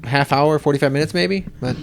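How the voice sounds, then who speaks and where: A man's voice: fairly high pitch, a little fast, vocal fry, a little hiss or hum. A man co-hosting a podcast, bluntly grumbling about movies in casual chat. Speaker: podcast co-host.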